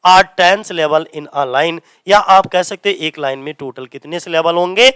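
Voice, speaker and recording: A man teaching English literature for exams in mixed with English, asking his students questions and answering them himself, and reading English lines slowly before explaining them. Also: on the high side, fairly bright tone, clean tone, no room sound. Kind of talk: exam-prep lecture in Hindi mixed with English. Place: coaching centre classroom.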